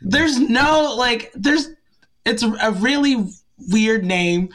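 A woman's voice: fairly high pitch, expressive, slow pace. A woman from Portland, Oregon, chatting as an interview guest in a bubbly, giggly, self-deprecating way. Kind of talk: casual interview chat.

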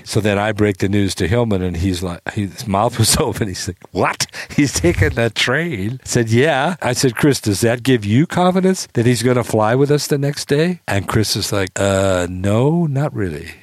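Gruff, lively man telling a story. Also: on the low side, normal speed, hardly any pauses, dry recording. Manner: animated storyteller, acts out quotes, swears freely. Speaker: storytelling guest. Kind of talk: casual anecdote telling.

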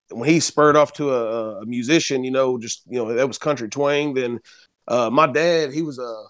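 A man's voice: mid-range voice, fairly bright tone, clean tone, dry recording, clean studio sound. A man from Kentucky with a Southern accent, a musician guest chatting casually on a podcast, drawling and dropping "man" and "you know" between thoughts. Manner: laid-back drawl, peppers talk with "man" and "you know". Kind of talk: casual chat.

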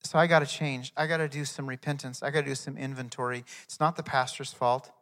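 Bright-voiced emphatic male preacher. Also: mid-range voice, steady tone, fast, in a large hall. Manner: emphatic, swells loud then drops to a soft prayer. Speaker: pastor. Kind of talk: sermon.

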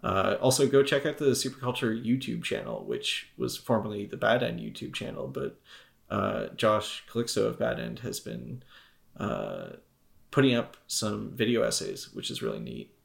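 A man co-hosting a podcast, chatting casually in a low, heavily gravelly voice. He rambles and jokes and often lets his sentences trail off. There is a creaky edge running through most of what he says. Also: very animated, normal speed. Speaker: podcast co-host. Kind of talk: casual chat.

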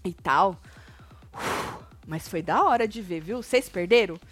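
A young woman hosting a casual gossip commentary, telling the story with lively acted-out quotes. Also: mid-range voice, a little slow, no echo, soft background music. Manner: animated storyteller, acts out quotes. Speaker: host.

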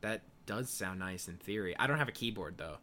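Sleepy laid-back man with lively pitch. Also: a little fast, a little hiss or hum. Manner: laid-back, laughs often, rambling with fillers. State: tired and sleepy. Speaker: podcast co-host. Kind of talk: casual chat.

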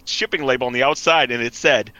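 Bright, rambling storyteller man. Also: medium pitch, fast talker, dry recording, lo-fi sound. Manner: rambling storyteller, acts out quoted people. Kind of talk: casual chat.

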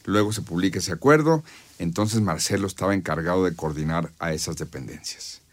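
A man's voice: deep voice, brisk. A man with a Mexican accent offers conversational political analysis, explaining and arguing his points as a panel commentator. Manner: explanatory, argumentative.

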